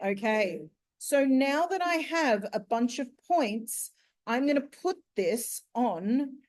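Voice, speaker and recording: A woman's voice: sits high, animated, a little mellow. A woman teaching a maths class, working through a problem step by step and quizzing her students as she goes. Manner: slow, step-by-step questioning of students. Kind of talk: classroom lesson.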